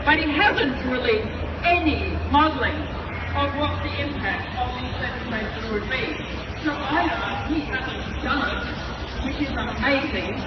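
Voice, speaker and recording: A high-pitched woman speaks as an urgent activist at an outdoor protest rally. She drives points home with emphatic repetition. Her voice echoes from a distance, over crowd and traffic noise. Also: highs cut off. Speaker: wildlife volunteer group representative, protest speaker.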